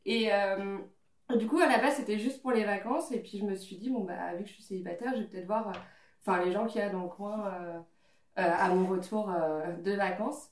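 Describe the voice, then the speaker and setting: A chatty woman in her twenties is a podcast guest telling casual stories to friends in a living room, gathered around a coffee table, with lots of laughs and fillers. She speaks a little fast at a medium pitch with a steady tone. The distant microphone makes the sound roomy.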